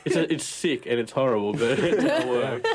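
A man's voice: mid-range voice, huge pitch swings, normal speed, darkish tone. A young man with an Australian accent, a podcast guest, talking in a laid-back, joking way. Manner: laid-back, jokey, laughs often. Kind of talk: casual podcast interview. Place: studio.

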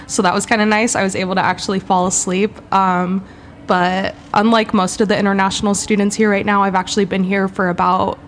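A woman's voice: mid-range voice, slight background noise. A woman, hosting a student radio talk show in a casual, chatty way in a studio. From Southern California. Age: 20s. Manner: relaxed, chatty, says "like" often.

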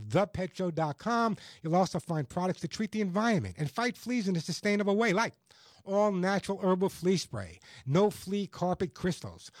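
An American man with a high-pitched voice works as a radio host and pitchman. He speaks in a dry, close studio sound and drives points home with emphatic, salesman-like repetition. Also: dry recording. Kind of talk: radio call-in advice and self-read product pitch.

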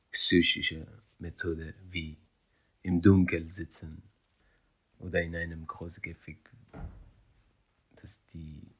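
A young man from Afghanistan, raised in Iran, telling his own story in halting with short, broken phrases. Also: low-pitched, creaky, a bit bright, breathy edge. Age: young adult. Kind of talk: personal testimony.

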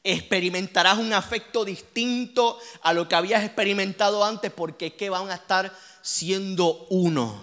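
A man's voice: sits high, fairly even intonation, moderate pace, a bit bright. A man preaching a sermon with impassioned, rhythmic repetition that swells into near-singing.

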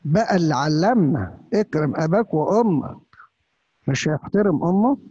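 A man with an Upper Egyptian Arabic accent preaches a sermon as a priest, pressing his listeners with one rhetorical question after another. His voice sits a little high and sounds husky and breathy. The recording is dull and lo-fi, with a dry, close sound. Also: lively intonation, moderate pace, mellow, dry recording.

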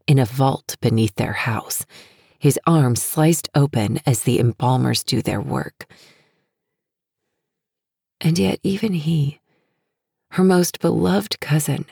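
Low, husky, creaky woman narrator. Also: no room sound. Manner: intimate and hushed. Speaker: audiobook narrator. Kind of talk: scripted narration. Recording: dry close studio sound.

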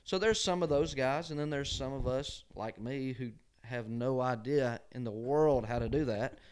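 This country singer-songwriter, interviewed as a musician guest, hails from Georgia in the USA and speaks with a nasal Southern twang. His mid-range voice is clean and somewhat dark, moving at a moderate clip. Chatting in a casual, folksy way, he tends to end phrases with "man."

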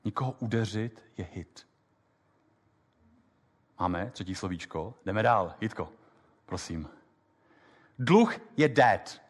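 A man giving a live lecture on memory techniques, explaining quickly and lively with many fillers. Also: on the low side. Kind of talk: live lecture with app demo. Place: lecture hall with audience. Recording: long hall reverb.

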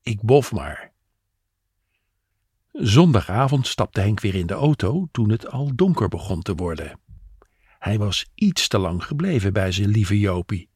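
A man narrating an audio story with gentle, unhurried storytelling. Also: lowish voice, very animated, breathy edge, no echo, clean studio sound.

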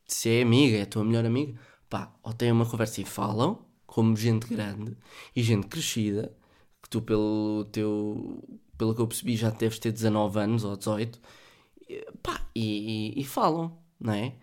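A man's voice: on the low side, fairly even intonation, normal speed, darkish tone. A man with a European Portuguese accent hosting a solo podcast, thinking aloud in a joking, profane, casual way. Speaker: podcast host.

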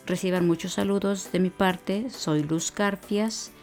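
A woman's voice: medium pitch, steady tone, darkish tone, faint music behind. A woman hosting an educational podcast, giving a spoken grammar lesson and breaking words down syllable by syllable. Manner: slow, syllable-by-syllable spelling out of words. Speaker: podcast teacher for exam preparation.

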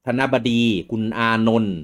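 A Thai man hosting a casual livestream, reading out viewer names and stumbling over the hard ones. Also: measured pace. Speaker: livestream host.

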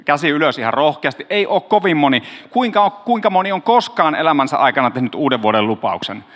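A man's voice: a little high, lively intonation, a bit bright, in a large hall. A man preaching in a casual, joking way, talking straight to his congregation as their pastor. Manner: joking, chatty, talks to the audience directly.

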